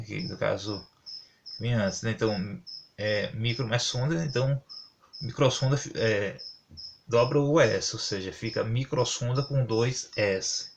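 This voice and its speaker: Male teacher, casual and halting explainer, mid-pitched, faint crickets behind. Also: creaky, a little hiss or hum. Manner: halting, many fillers and self-corrections, explains with examples. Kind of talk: casual spoken grammar lesson.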